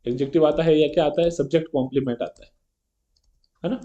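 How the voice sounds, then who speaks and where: A man's voice: a little high, mellow, muffled recording. Man teaching grammar with a lilt. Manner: explains step by step and keeps checking with a rhetorical "है ना"; reads English example sentences slowly and carefully. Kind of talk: exam-prep grammar lesson.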